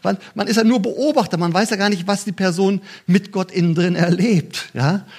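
Chatty husky-voiced man preaching. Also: normal speed. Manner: conversational, frequent "ne?" asides and restarts; lively, pitch jumps when stressing points. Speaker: pastor. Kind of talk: sermon.

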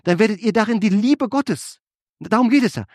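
A man preaching a sermon, asking his congregation rhetorical questions and swinging between loud emphasis and quiet asides. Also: sits high, expressive, brisk, dry recording, studio quality. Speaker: pastor.

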